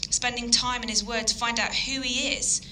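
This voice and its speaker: In a low-quality recording with faint background hiss, a woman from Yorkshire, England gives an evening sermon as guest speaker. She speaks with a Yorkshire English accent, her very bright, sharp voice sitting on the high side with fairly even intonation, and her delivery is earnest yet halting, full of ums.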